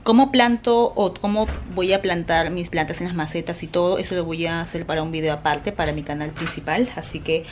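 A woman's voice: on the low side, brisk, hardly any pauses, a little hiss or hum, rough recording. A woman chatting casually to her viewers while showing her plants and doing house chores. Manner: chatty, addresses viewers as "chicos". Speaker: vlogger. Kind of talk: casual vlog chat. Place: at home, house and garden.

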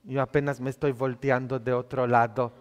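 This homily, conversational and laced with tag questions, comes from a non-native Spanish-speaking priest in his thirties at a church altar. He speaks at a moderate pace in a mid-range voice with little pitch movement, and the church reverb is long.

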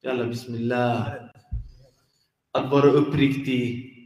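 A man giving an informal religious reminder to a congregation, lively and animated, acting out everyday examples with laughs. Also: medium pitch. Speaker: preacher giving a dawn reminder. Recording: echoey hall with long reverb.

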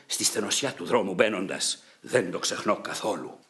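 A man's voice: deep voice, animated, a bit bright. A man voicing a brash young charioteer who urgently commands his horses in an epic poem reading.

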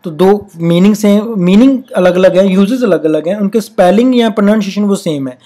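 A teacher explains spelling rules in a patient classroom manner. The English rules are read out slowly and deliberately, with each example word spoken carefully, often twice. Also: medium pitch, mellow. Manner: repeats example words in pairs, patient explaining tone. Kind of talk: recorded classroom-style lesson.

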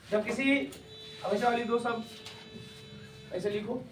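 A man teaching English grammar to a class, calling students "babu" and quizzing them loudly. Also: very high voice, steady tone, slow pace, a little hiss or hum. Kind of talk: classroom lecture. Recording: echoey classroom from far off.

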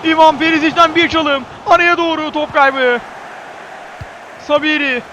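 High, shouting male football commentator. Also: fairly even intonation, unhurried, lo-fi sound, a little hiss or hum. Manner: clipped phrases, repeats player names emphatically. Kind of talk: live football commentary, shouting excitedly at key moments.

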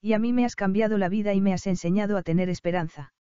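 A tender young prince speaks low and earnest in a hush, as a woman reads him in an audiobook. The tone is warm and smooth, and the recording sounds dull and lo-fi. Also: fairly even intonation, fast, dry recording, close to an everyday voice.

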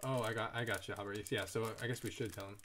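A man's voice: fairly low pitch, fairly even intonation, quick pace, fairly bright tone, a little hiss or hum. A man hosting a casual live card break, reading out card names and chatting with viewers.

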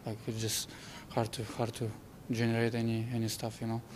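A young man, a hockey player, giving a halting postgame interview in a locker room with simple, broken phrasing. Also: medium pitch, monotone, darkish tone, a little hiss or hum.

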